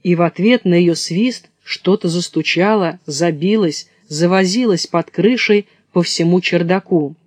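A man narrating a children's storybook in a lively storytelling manner. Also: high-pitched, a little slow, hardly any pauses, dry recording, clean studio sound. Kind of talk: storybook reading.

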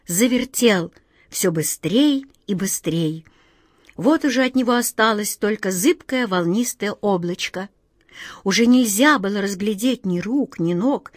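Brief: woman storybook narrator, calm expressive reading, middle pitch, dry recording. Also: no room sound.

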